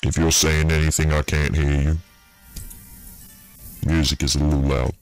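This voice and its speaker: A man in game voice chat giving calm checkpoint commands in character. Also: extremely low pitch, moderate pace, faint music behind.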